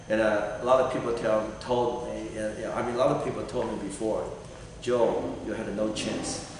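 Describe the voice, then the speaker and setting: Middle-aged candidate, halting and earnest, lowish voice, picked up far off in a noisy hall. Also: male voice. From Taiwan. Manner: earnest, halting, many fillers. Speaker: political candidate. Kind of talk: answering vetting panel questions. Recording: echoey hall recorded from afar.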